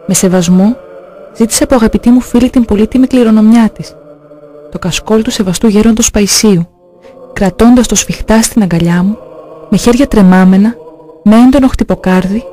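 A man slowly and solemnly reading out religious testimonies. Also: sits high, dark tone, soft background music.

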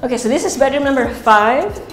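A woman with a Filipino accent and a high, expressive voice talks fairly quickly as she leads a chatty, casual tour through empty rooms and a stairwell indoors. The walk-and-talk presentation is unscripted, with Tagalog asides mixed in. She's on a wireless body mic, pack at her waist, and the recording carries the echo of bare rooms with music underneath.

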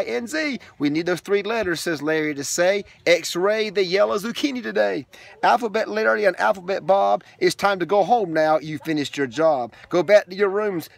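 Sitting in the back of a minivan, a man in his thirties playfully reads a picture book to his little boy. His voice sits high and creaky, and his lively storytelling is sprinkled with remarks aimed at the child.

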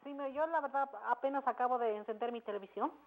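A woman's voice: high-pitched, fast talker. A woman from Mexico with a Mexican accent, calling in to a TV program over a phone line and asking her question politely and directly. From Tlaxcala, Mexico. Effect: heard over a phone line. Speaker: caller to a TV program. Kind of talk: call-in question.

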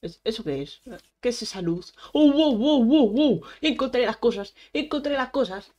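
Young spanish girl streaming minecraft, kinda high voice, super animated, chats to the sheep and yells a lot. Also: normal speed, muffled recording. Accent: Spain Spanish. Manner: excitable, chatty, talks to game animals, bursts into shrieks. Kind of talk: let's-play gaming commentary.

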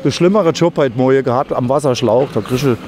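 Joking worker outdoors. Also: male voice, medium pitch, quick pace. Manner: chatty, joking. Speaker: demolition worker. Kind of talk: casual chat. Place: outdoor demolition site. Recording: outdoor noise with traffic.

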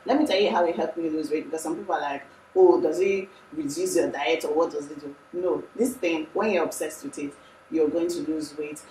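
A young Nigerian woman chats to the camera, lively and emphatic, with a voice that sits a little low. She sounds slightly off-mic in an echoey room, with faint room hum behind her. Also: brisk, far from the mic. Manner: chatty, animated, emphatic. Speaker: lifestyle vlogger. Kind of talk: casual talk to camera. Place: room indoors.

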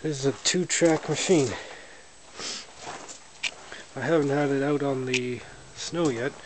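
In a windowed garage or shed, a man casually walks around his snowmobile while recording on a handheld camera he's holding. His medium-pitched narration is relaxed and matter-of-fact, and the handheld recording carries a lot of noise.

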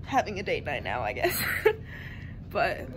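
A young woman vlogging at a party, giggly and playful, quick to joke. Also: lowish voice, huge pitch swings, a little hiss or hum. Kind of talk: casual vlog chat. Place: at a house party, indoors and out.

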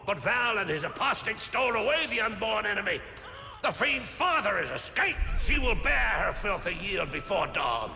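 An actor playing a fanatical, menacing cult preacher and torturer in a video game, swinging into shouts. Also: male voice, high-pitched, sing-song, normal speed, creaky, full character voice. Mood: fanatical, wrathful. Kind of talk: dramatic video game acting. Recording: echoey hall with loud music.

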